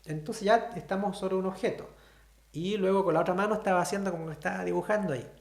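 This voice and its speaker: Teaching sign language in an online lecture, this Chilean-accented man explains things step by step and keeps asking the class questions. He talks fast in a high, gravelly voice with a darkish tone, and the recording is reverberant.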